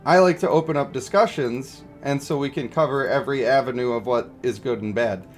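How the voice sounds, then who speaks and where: A game streamer with a medium-pitched voice talks a little fast while music plays in the background. He's casual and conversational, reading comments from viewers, explaining where he stands and checking that they agree.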